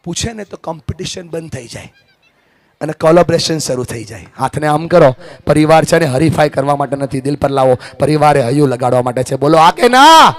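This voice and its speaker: A male motivational speaker holding a handheld mic, talking live to an audience and switching between loud rousing calls and soft, confiding storytelling. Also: on the high side, fairly quick. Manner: swings from loud rousing calls to soft confiding talk, leads crowd chants. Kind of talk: live motivational speech to a crowd.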